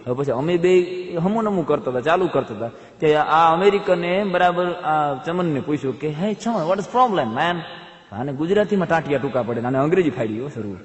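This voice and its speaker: A man's voice: fairly high pitch, fairly quick. A man telling a comic folk story on stage, acting out the characters' voices. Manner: animated, acts out characters' voices. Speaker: comedian storyteller. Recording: echoey hall, long reverb.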